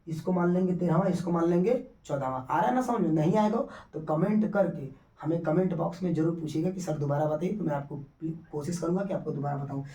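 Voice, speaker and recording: A fairly high-voiced man teaches from some distance away from the mic, in a room that echoes. He goes through the syllabus point by point, repeats himself, and keeps asking whether his students are following. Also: darkish tone. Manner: repetitive, checks students understand. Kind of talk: syllabus explanation lesson.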